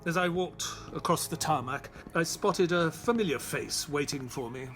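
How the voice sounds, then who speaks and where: Faint music plays behind an actor's natural-sounding, somewhat high voice as he portrays a loyal, sorrowing gentleman narrating a detective audio drama with measured reflection.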